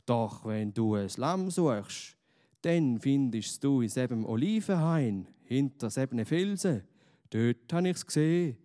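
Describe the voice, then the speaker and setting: A man voicing a big, gloomy stranger who speaks slowly and grumbles in a storybook reading. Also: animated, warm tone, natural voice. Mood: gruff. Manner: deep, slow and grumbling.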